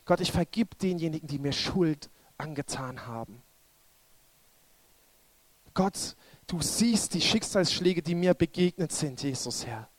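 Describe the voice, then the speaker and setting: Man, preacher, fervent sermon and prayer, high voice, dry close sound. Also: animated, a little slow, pauses often, no echo. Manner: fervent, repeating "Jesus, Herr" in prayer.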